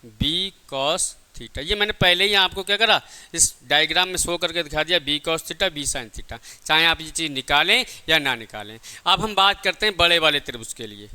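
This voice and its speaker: Expressive and a little high, at a moderate pace, a man's pushed, bright, clean voice carries a classroom physics lesson. He teaches didactically, step by step, and keeps asking questions that he answers himself.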